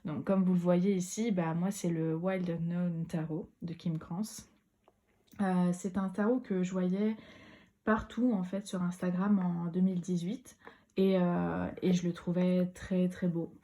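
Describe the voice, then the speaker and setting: Casting note: young woman vlogger, low-ish mellow voice, casual and halting delivery. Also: flat delivery. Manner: hesitant, many fillers and restarts. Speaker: tarot vlogger. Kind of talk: casual video monologue.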